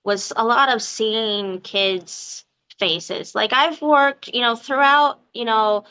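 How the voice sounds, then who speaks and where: A woman chatting casually as an interview guest, expressive and talkative, with a sweet voice like a cartoon princess. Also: a little high, smooth, low-quality recording. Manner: chatty, expressive, quick to laugh. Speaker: podcast guest, mermaid performer.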